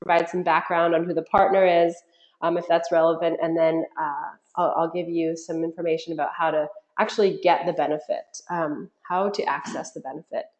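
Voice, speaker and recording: Brief: stuffy-nosed woman host, chatty and informal, lower-pitched, recorded through an echoey computer mic. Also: flat delivery, a little fast, a little mellow, muffled recording. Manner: friendly, chatty, frequent ums. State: nasal from a cold. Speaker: webinar host. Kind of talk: live webinar presentation. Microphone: computer mic on a web call. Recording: echoey room on a web call.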